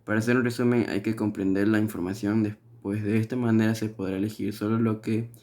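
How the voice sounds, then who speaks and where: A man, a student, reads his class notes aloud haltingly, with frequent restarts and fillers, then shows his assignments. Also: lowish voice, level tone, dark tone. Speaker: student presenting his portfolio.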